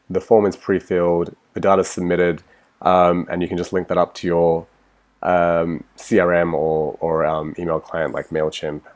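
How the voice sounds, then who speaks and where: Sniffling through a cold, this Australian man walks through slides for a marketing webinar, his voice sitting low with a darkish tone. He keeps it casual, stopping to restart often and saying um a lot.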